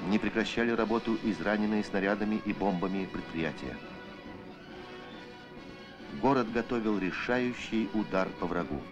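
A man narrating an old Soviet newsreel in a solemn, measured, declamatory scripted style. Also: on the low side, highs cut off. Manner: measured, declamatory documentary delivery. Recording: archival film soundtrack with music. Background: music.

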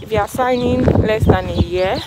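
A woman's voice: mid-range voice, moderate pace, very noisy. A young woman vlogs casually while walking outdoors in a snowy apartment complex. She films on a phone held at arm's length and talks through a face mask, hesitating often with fillers. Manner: chatty, hesitant with many fillers. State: wearing a face mask against the cold. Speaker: vlogger.

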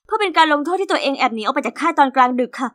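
Woman voicing a cheeky, bright teen girl. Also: sits high, racing. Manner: lively, cheeky first-person storytelling. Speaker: narrator of an animated diary story. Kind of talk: animated story narration.

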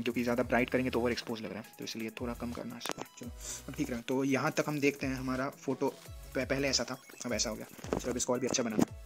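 A man giving a casual step-by-step photo editing tutorial, often pausing to check in with the viewer. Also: mid-range voice. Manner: explains step by step, often checks in with "theek hai na". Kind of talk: casual screen-recorded tutorial.

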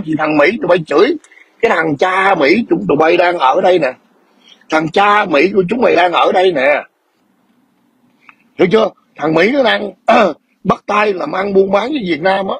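A livestream host with a high-sitting voice rants at his viewers, scolding them combatively. He clears his throat often and keeps demanding to know whether they understand.

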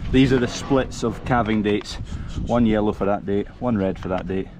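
Young farmer, low-pitched and chatty, filmed on a body cam outdoors with loud clanking and yard noise behind. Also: male voice, moderate pace. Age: young adult. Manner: chatty, calls out to cattle while working. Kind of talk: casual farm vlog narration. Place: outdoor cattle yard with a metal race. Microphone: body-worn action camera.

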